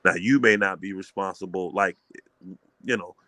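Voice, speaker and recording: A man's voice: low voice, moderate pace, sharp tone, no room sound. A middle-aged man from Indiana who leads a community and its homeschool, explaining his ways in an emphatic, preacherly manner. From Fort Wayne, Indiana, US. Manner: emphatic, preacherly, repeats "you know what I mean". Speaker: community elder, homeschool leader. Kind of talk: casual call-in chat.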